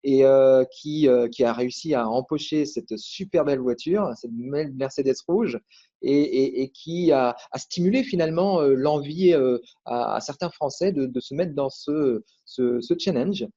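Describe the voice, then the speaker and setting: A man's voice: mid-range voice, measured pace, warm tone, highs cut off. A man hosting a casual interview, talking hesitantly with many fillers and restarts. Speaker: host, affiliate coach.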